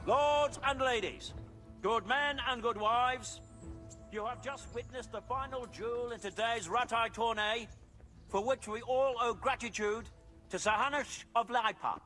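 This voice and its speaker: An actor playing a medieval tournament herald in a video game, making formal, declamatory proclamations. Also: male voice, a little slow, exaggerated voice, poor audio. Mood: ceremonial, proud. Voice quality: high, bright, projecting. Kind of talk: formal ceremonial announcement. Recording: music behind the voice.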